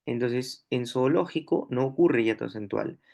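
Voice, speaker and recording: A man with a Peruvian Spanish accent teaching a grammar lesson, slow and deliberate, repeating each example word aloud. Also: mid-range voice, vocal fry, darkish tone. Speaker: language teacher.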